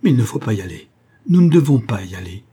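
A man with a husky voice voicing a frightened young woman who pleads, in an audiobook reading of a gothic tale. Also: mid-range voice, moderate pace, mellow, lightly acted.

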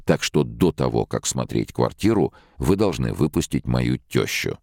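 A man's voice: extremely low pitch, animated, normal speed, gravelly, dark tone, dry recording, studio quality, full character voice. A man voicing a blunt, sardonic middle-aged man about to emigrate, in an audiobook. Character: weary defiant émigré man, middle-aged. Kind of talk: audiobook character voice.

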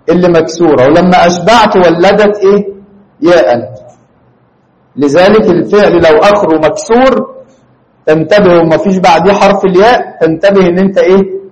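A man's voice: high voice, a little mellow, low-quality recording. A man with an Egyptian Arabic accent teaching a grammar lesson to a class, constantly quizzing students with questions. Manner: questioning, prompts students for answers.

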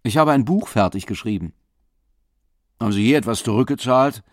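A man voicing a pushy, prying older investigator who talks fast and insistently. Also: mid-range voice, expressive, no room sound, studio quality, natural voice.

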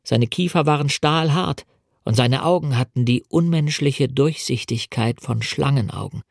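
A man's voice: medium pitch, creaky, no echo, studio quality. Man reading a dramatic audiobook. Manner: measured, dramatic first-person storytelling. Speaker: audiobook reader. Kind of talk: scripted audiobook narration.

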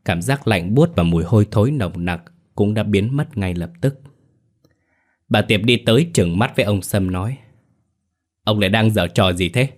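A man narrating a ghost story in a measured, dramatic storytelling manner. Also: lowish voice.

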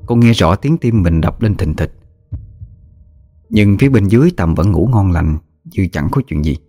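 A man narrating a ghost story in a measured, somber manner. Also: low-pitched, warm tone.

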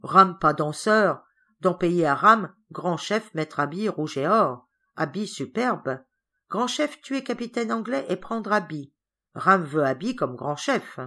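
An excitable young manservant, put on by a woman reader, bursts out in short, broken phrases. The voice rides high and loud, swinging widely with eager joy, as in a storybook read aloud. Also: moderate pace, gravelly, few pauses, full character voice. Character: excitable young male servant, joyful, broken speech.

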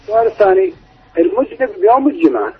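A man's voice: sits high, big pitch swings, rapid-fire, slightly rough. A man with an Iraqi accent calling in, formal and courteous as he asks his questions. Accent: Iraqi Arabic. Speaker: caller. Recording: tinny phone line.

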